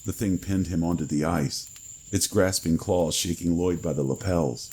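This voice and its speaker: A man reading a first-person horror story in a slow, grave storytelling manner. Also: low-pitched, fairly even intonation, darkish tone, slightly rough, rough recording. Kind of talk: scripted horror narration.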